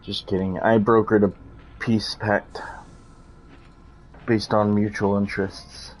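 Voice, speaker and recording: Low-voiced, joking gameplay streamer man. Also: flat delivery, slow pace. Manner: joking, profane, rambling. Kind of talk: casual gameplay commentary.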